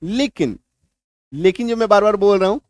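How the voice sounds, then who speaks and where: A high-pitched man teaches a spelling lesson in a patient, repetitive way, asking again and again whether the point is clear. The recording is dry and close, with no room sound. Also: normal speed, dry recording. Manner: repetitive, checks understanding often. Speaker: English teacher. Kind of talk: spoken classroom lesson.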